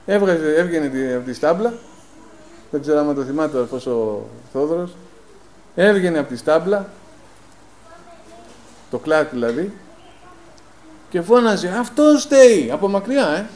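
Guy preaching to his congregation, kinda high voice, keeps asking questions and answering them himself, lots of "eh". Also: expressive, long pauses, darkish tone, rough recording. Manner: rhetorical questions answered himself, frequent "eh" fillers; addresses the congregation as brothers. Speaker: lay preacher. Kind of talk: sermon.

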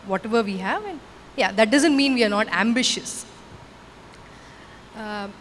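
A woman gives measured panel answers, pausing often on "uh". Her fairly high voice rings through a large hall via a handheld mic. Faint noise lingers behind. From India. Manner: measured, frequent "uh" fillers. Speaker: conference panelist, academic. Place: large conference stage. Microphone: handheld microphone. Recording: stage hall with long reverb, faint noise.

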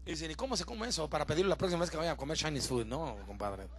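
A male pastor preaching a sermon to his congregation in church, mixing joking asides with loud, emphatic preaching. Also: a little high, animated, rapid-fire. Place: church service before a congregation.

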